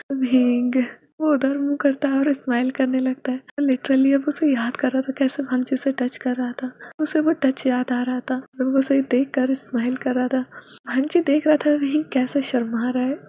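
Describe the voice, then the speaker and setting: A woman's voice: sits high, warm tone, slightly rough, dry recording, dull audio. A woman narrating a romance fan fiction story, reading every character's lines herself and sometimes dropping to a whisper.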